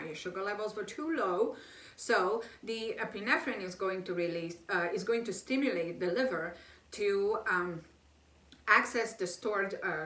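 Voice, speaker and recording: A woman explains diet science on her own health channel in a chatty, lecture-style talk with fillers and rhetorical questions. Her voice is lowish and a bit bright, and the reverberant recording was made from a distance.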